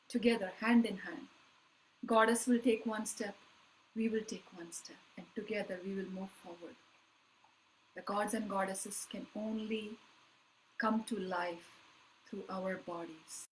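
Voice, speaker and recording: In poor audio marked by slight hiss or hum, a mid-range female voice guides a live online spiritual workshop. Her delivery is earnest and emphatic, her phrasing slow and deliberate, frequently fading off softly.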